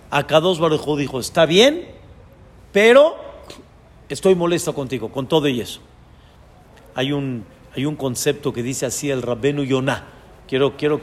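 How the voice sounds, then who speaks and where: A rabbi gives an earnest sermon on scripture and weaves in Hebrew terms. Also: male voice, fairly high pitch, long reverb tail.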